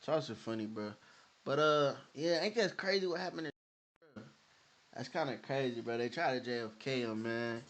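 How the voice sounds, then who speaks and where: A man hosting in a relaxed, casual way, often saying "man" and "bro", signing off to viewers. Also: mid-range voice, moderate pace. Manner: laid-back, says "man" and "bro" often. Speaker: host. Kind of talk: casual chat and video outro.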